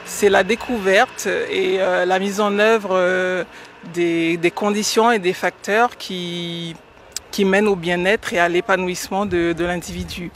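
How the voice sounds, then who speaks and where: A woman from French Guiana in her forties, answering radio interview questions about teaching with hesitant pauses and many fillers. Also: lowish voice, fairly even intonation, a little hiss or hum. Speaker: guest, educator.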